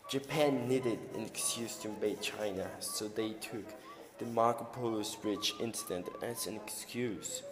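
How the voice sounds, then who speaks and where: A low-voiced man narrates like an old newsreel announcer, solemn and a little stilted in his phrasing. His voice rings out with a long, roomy reverb, and music plays clearly beneath him. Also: a little slow.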